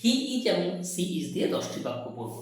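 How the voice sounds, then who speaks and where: A woman teaches a grammar lesson, reading out example sentences at a slow, deliberate pace for pupils to repeat. Her pitch sits a little low but moves a lot. The recording is very echoey, with her voice set back from the mic. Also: big pitch swings, a little mellow, far from the mic. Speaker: English teacher.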